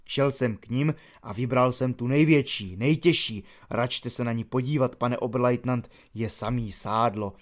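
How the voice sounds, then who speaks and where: A man reads from an audiobook, giving voice to an earnest, polite, simple soldier who explains himself calmly, formally, and at length. The pitch is medium, he rarely pauses, and his voice sounds natural.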